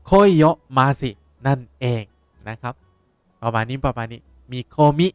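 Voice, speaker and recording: A young man, a language teacher explaining words in a lively way while playing a game. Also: mid-range voice, moderate pace, clean tone, dry recording, clean studio sound, faint music behind. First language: Japanese. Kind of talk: game playthrough lesson.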